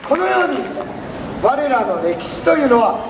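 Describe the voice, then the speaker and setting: A man's voice: very high voice, sing-song, normal speed, full character voice. Man acting as folksy samurai lord, Nagoya accent, grand archaic stage manner, distant recording, noisy crowd. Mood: jovial, grand. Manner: theatrical, archaic lordly speech, projecting to audience. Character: jovial, folksy old-time samurai warlord, male. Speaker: costumed history performer and host. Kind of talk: live stage history lesson in samurai character. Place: large public indoor event stage. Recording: echoey noisy hall, crowd, far off.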